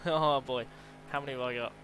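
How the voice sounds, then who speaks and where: A man's voice: medium pitch, fairly even intonation, normal speed, fairly bright tone, a little hiss or hum, rough recording. A man chatting as a co-driver in a sim race, playful, laughing often and giving calls on fuel and pit stops. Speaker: co-driver and teammate. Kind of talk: casual team radio chat.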